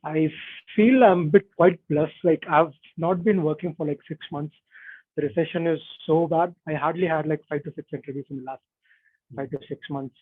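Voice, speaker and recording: A man's voice: fairly high pitch, steady tone, normal speed, breathy edge, no room sound. A man, heard over a bad video-call connection, talking hesitantly with many fillers as an interview guest. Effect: bad connection, narrow phone-like call audio. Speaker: interview guest, software tester. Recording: tinny, dry video-call line.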